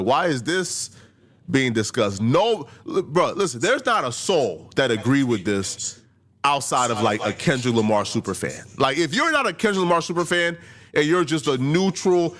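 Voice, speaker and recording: A man hosting a casual commentary show, slightly higher pitched than most men and with a lot of swing in his voice. He stresses points by repeating them. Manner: animated, laughs easily, repeats for emphasis.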